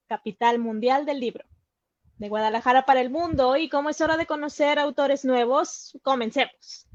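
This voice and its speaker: Woman host, bright high voice, upbeat welcome, dry dull sound. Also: dry recording. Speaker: interviewer, host. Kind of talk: hosting a book fair interview.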